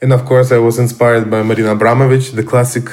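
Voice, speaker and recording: Halting man. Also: mid-range voice, little pitch movement, over a noisy crowd. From Armenian, raised in Russia. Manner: halting, many fillers and restarts. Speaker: guest. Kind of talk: casual conversation.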